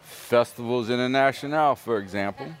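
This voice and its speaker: Jokey restaurant owner from south Louisiana. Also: male voice, mid-range voice, normal speed. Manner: chatty, jokey, laughs often. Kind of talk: casual interview talk.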